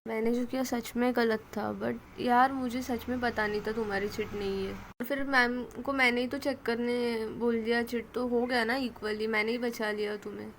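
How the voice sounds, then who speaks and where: A woman's voice: on the high side, steady tone, normal speed, hardly any pauses, fairly bright tone, slight background noise. A woman playing a playful, teasing young woman. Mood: coaxing. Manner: teasing, coaxing.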